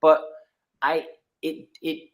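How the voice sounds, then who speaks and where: Slow and monotone, with a voice on the high side, this middle-aged Boston-accented guest from New England spins long stories in a casual podcast conversation. He rambles and keeps restarting his sentences.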